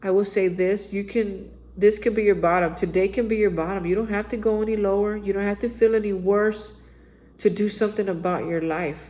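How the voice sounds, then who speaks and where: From the Austin, Texas area, a male vlogger delivers a daily spiritual recovery reflection in a high, steady, slightly mellow voice at a brisk pace. He speaks earnestly and exhorts the listener, frequently repeating phrases and saying "man."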